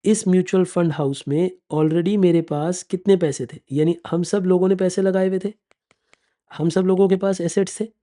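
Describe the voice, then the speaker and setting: Mellow-voiced man teaching a class. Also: high voice. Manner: explains step by step, keeps checking that students follow; calls students affectionately "beta" and "bachchon". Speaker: finance exam teacher. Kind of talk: classroom lecture.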